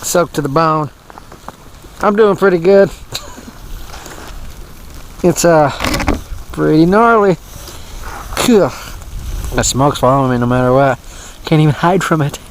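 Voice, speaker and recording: A man's voice: a little high, unhurried, long pauses, slight background noise, rough recording. A man casually narrating his winter camping trip, rambling and chuckling with filler words, recorded outdoors at a snowy campsite by a fire on an action camera. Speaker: outdoor vlogger.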